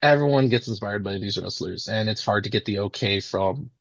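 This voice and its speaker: A man's voice: lowish voice, a little fast, creaky, dry recording, muffled recording. A man chatting casually and enthusiastically in an interview, telling rambling stories and acting out little imagined quotes as he goes. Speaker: independent pro wrestler being interviewed.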